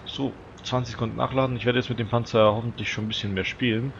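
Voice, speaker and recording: On dull audio with a little hiss or hum, a teenage gaming channel host talks fast in a creaky, mid-range voice, stuffy-nosed from a cold. He relaxes into chatty commentary on his own gameplay, addressing his viewers directly.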